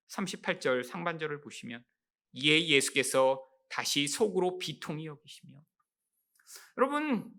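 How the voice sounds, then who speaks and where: A man's voice: high-pitched, creaky, bright, forceful tone. A male pastor preaching a Sunday sermon, stressing his points with rhetorical questions and often turning to address the congregation. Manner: emphatic, rhetorical questions, repeats "여러분". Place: church sanctuary.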